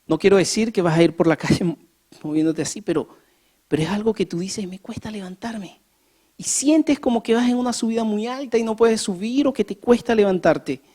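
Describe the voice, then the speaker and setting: A preacher giving a sermon in a church, animated, asking the congregation questions and building emphasis as they tell a story. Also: mid-range voice, fairly quick. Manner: acts out scenes with rising emphasis. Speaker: pastor.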